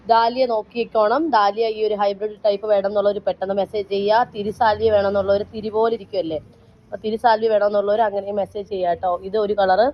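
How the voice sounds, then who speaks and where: Speaking fast in a level, mid-range voice, a plant seller shows her plants in a casual sales chat and encourages viewers to order. It was recorded at a nursery, and the sound is muffled.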